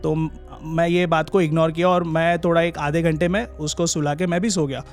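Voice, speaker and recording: A young man with a notably high-pitched voice, telling a personal story as a podcast guest. He speaks casually and haltingly, pausing and restarting often. Soft music plays quietly underneath. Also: flat delivery. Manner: halting, drawn-out pauses and restarts.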